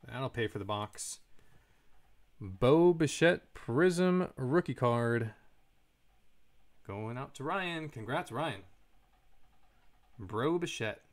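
Male host, mid pitch, casual card-break commentary, reads names and answers chat. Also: animated, extremely slow, pauses often.

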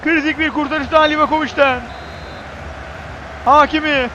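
A man giving live football commentary in clipped phrases, repeating player names emphatically and shouting excitedly at key moments. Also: extremely high pitch, moderate pace, dull audio, a little hiss or hum.

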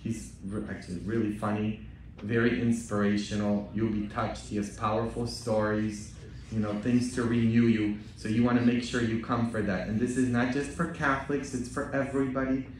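Priest in an echoey church. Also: male voice, lowish voice, level tone, moderate pace, far from the mic, slight background noise. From Poland. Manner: joking, bantering with the congregation, rising to loud exhortation. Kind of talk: Easter homily and parish announcements. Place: large church.

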